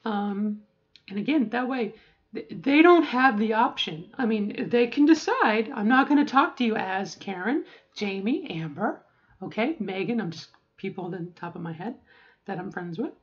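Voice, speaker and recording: Woman, 40s, casual vlog advice, self-correcting and rambling, mid pitch, slightly muffled recording. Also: expressive, normal speed. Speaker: vlogger.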